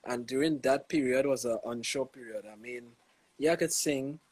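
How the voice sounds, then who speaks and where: Here a young Trinidadian man, a gospel artist, talks reflectively in a relaxed live-streamed interview, peppering his slangy speech with "you know." His medium-pitched voice is a little mellow and slightly rough, at normal speed, with no room sound.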